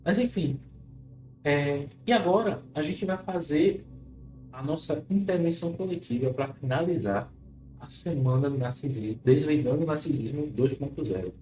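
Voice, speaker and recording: A man's voice: a little high, normal speed, mellow. A Brazilian man speaking as a therapist and hypnosis teacher, reassuring and instructive as he leads an informal guided self-care session. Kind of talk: informal live talk moving into guided relaxation. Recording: roomy echo with faint music.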